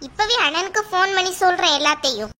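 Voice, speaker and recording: A woman voicing a sharp-tongued, suspicious young sister in a cartoon. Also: extremely high pitch, animated, fast talker, heavily acted. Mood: snippy. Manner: snippy, suspicious.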